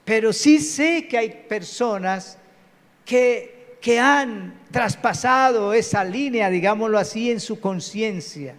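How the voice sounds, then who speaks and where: High-voiced pastor preaching. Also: male voice, slow. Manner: emphatic, calls for amen, repeats phrases. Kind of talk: sermon. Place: church hall. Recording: long hall reverb.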